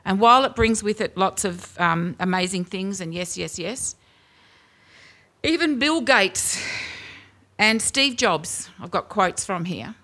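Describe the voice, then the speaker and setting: Standing at a lectern with a stand microphone in an indoor venue with a brick wall, a woman in her fifties with an Australian accent gives an impassioned rally speech. Her voice is loud and booming, animated but a little slow, and she asks many rhetorical questions.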